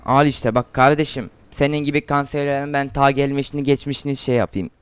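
A teenage boy from Turkey talks his viewers through a game, trash-talking opponents and getting loud and excited in fights. His voice is very clear and sits in a middle range. The sound is dry and close, from a desk mic at his computer. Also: medium pitch, a little fast, no echo. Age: teens. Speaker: gaming YouTuber. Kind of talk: casual gameplay commentary.

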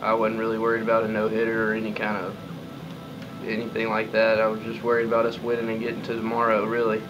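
A young man in his twenties, a college pitcher, answering postgame questions in a relaxed, modest way with lots of fillers. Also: quick pace, muffled recording, over music. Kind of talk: postgame press conference. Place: press room before a sponsor backdrop.

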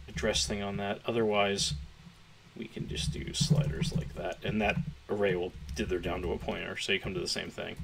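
A man with a hoarse, gravelly voice, thinking aloud as he walks through a coding tutorial. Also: lowish voice, noisy background. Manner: thinking aloud while typing, chatty. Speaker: programmer streaming a coding tutorial. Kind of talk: casual live-coding walkthrough. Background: keyboard typing.

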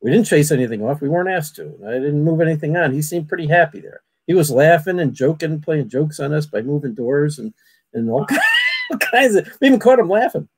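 A man's voice: fairly high pitch, huge pitch swings, a little fast, husky, no echo. Rambling man telling a ghost story. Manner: rambling, repeats words, addresses listeners as "people". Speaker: paranormal investigator. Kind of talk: casual storytelling on a video call.

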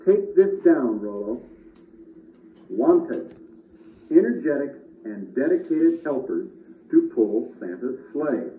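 A man playing a kindly, reassuring old Santa Claus in a children's puppet show, measured and fatherly. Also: mid-range voice, big pitch swings. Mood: pleased. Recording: noisy, roomy, distant, muffled phone-like audio.

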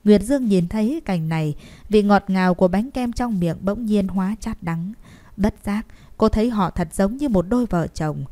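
A woman narrating a romance novel as an audiobook, with emotive, measured storytelling. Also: medium pitch, dark tone.

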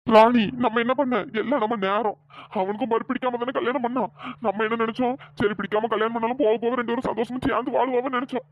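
A voice actor voicing a stern middle-aged cartoon father who reproaches his family, with a pitch-shifted voice. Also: steady tone, fast. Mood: resigned. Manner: reproachful, lecturing. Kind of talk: cartoon storytelling dialogue. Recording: dry, dull lo-fi sound.

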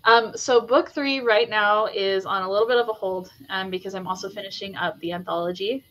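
A woman fantasy author chatting as an interview guest. She talks enthusiastically, filling pauses with ums and likes, at a medium pitch. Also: steady tone, fairly bright tone, dull audio. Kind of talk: casual interview chat.

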